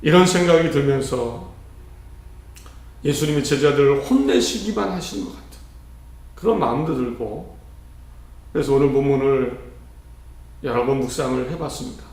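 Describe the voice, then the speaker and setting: A man's voice: mid-range voice, moderate pace, pauses often, darkish tone. A male pastor delivering an earnest sermon, asking rhetorical questions and shifting his emphasis often. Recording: heavy church reverb.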